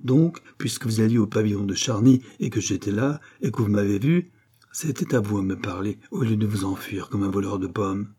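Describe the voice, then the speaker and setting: A man's voice: on the low side, brisk, dark tone, slightly rough. A man voicing an awkward young man speaking with hurt, stiff reproach. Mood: reproachful.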